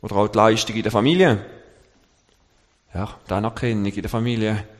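Male lay preacher, halting delivery, slows on quotes; long hall reverb. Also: on the low side, fairly even intonation. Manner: halting, searching for words, slowing on scripture quotes. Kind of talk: sermon.

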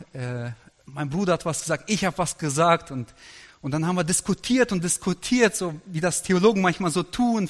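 Middle-aged male pastor, slightly high voice, storytelling sermon, long hall reverb. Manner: lively anecdotal preaching with quoted dialogue.

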